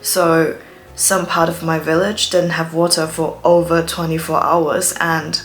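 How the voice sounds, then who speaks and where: Her voice is low and fairly bright, unhurried, with little pitch movement. She's a Shanghai-born student in her twenties telling chatty, dramatic stories in a monologue vlog, her English accent from TV landing between British and American, with faint music behind.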